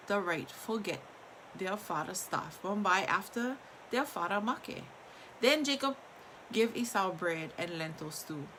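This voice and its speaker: A woman's voice: medium pitch, a bit bright. Female storyteller, Hawaiian Pidgin accent, informal read-aloud delivery, mid-range voice, slightly noisy room recording. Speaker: Bible story reader.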